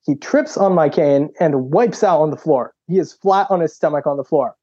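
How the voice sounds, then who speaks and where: A young man with a mellow, warm voice tells his stories with gusto, jumping up in pitch whenever he acts out what someone said. The audio is dry and a little dull, like a modest lo-fi recording. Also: moderate pace, no echo. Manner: lively storyteller who acts out quotes with a raised pitch. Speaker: guest. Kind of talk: animated storytelling in conversation.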